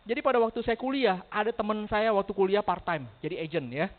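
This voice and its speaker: A man telling lively stories to a sales team as a motivational speaker, acting out dialogue and laughing often. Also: high voice, fairly quick. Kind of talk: storytelling talk to a sales team. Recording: tinny phone-like sound.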